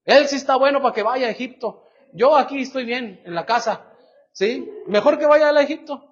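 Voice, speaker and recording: A man's voice: very high voice, moderate pace, a little hiss or hum, voice pushed up. A pastor voicing a hesitant, self-doubting male prophet who pleads excuses. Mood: pleading. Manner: pleading, unsure. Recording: dull lo-fi church recording.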